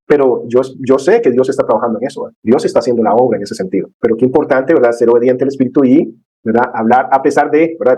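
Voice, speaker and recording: A man's voice: medium pitch, mellow, breathy edge, poor audio. A man teaching a church discipleship class in an earnest, conversational way, checking in with his listeners constantly.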